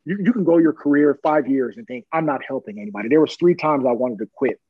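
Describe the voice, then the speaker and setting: Husky middle-aged cop, earnest storyteller, dry dull lo-fi sound. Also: male voice, on the high side, brisk, no echo. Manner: earnest, plain-spoken, chuckling storyteller. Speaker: police officer. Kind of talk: personal storytelling in an interview.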